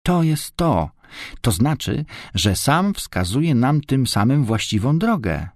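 A man's voice: on the low side, a little mellow, no echo, clean studio sound. A man reading a storybook, voicing a bold, bossy young girl who gives orders. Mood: cheerful. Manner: brisk and commanding.

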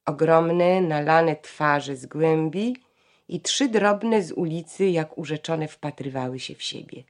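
Lower-voiced woman reading a literary audiobook. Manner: measured, expressive reading. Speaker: audiobook narrator.

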